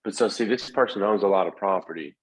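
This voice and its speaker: A man's voice: sits low, fast talker, husky, poor audio. A man on a casual video call, asking questions in an easygoing way. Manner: casual, asks questions, calls people dude. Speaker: real estate investor client.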